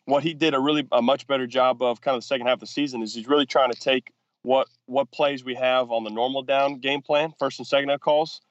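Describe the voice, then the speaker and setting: A man's voice: medium pitch, steady tone, fast, dull audio. A man who is a football offensive coordinator, explaining his work in a podcast interview, often restarting sentences with fillers. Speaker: football offensive coordinator and quarterbacks coach, guest.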